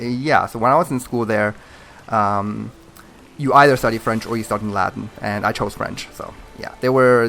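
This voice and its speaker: A man's voice: on the low side, fairly bright tone. A man hosting a gaming video, chatting in a rambling, friendly way with lots of fillers and chuckles. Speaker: gaming channel host. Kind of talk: casual chat over gameplay.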